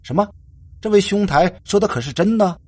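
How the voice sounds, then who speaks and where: A man voicing a pompous old-fashioned male scholar ghost who speaks slowly in a stiff, archaic, bookish manner. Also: high voice, lively intonation, a little mellow, dry recording, voice pushed up. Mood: solemn.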